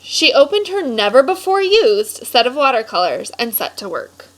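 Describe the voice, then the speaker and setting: A woman's voice: fairly high pitch, big pitch swings, normal speed, low-quality recording. A woman teacher reading aloud and explaining to children, instructive and checking in with questions.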